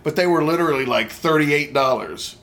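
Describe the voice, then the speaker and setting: A man's voice: a little high, brisk, creaky, fairly bright tone. A man co-hosting a casual chat show, rambling and self-deprecating with lots of restarts. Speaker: podcast co-host.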